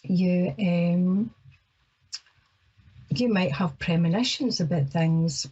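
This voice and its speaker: A middle-aged Scottish woman from Ayrshire hosts a psychic radio show, chatting nervously in a casual talk-radio monologue packed with fillers. Her fairly low voice moves slowly and sounds mellow and slightly rough. The recording is lo-fi.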